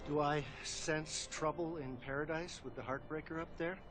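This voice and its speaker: An actor playing an easygoing, friendly father in a film, casual and gently teasing. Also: on the high side, fairly even intonation, moderate pace, music in the background, natural voice. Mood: low, advising. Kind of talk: naturalistic film dialogue.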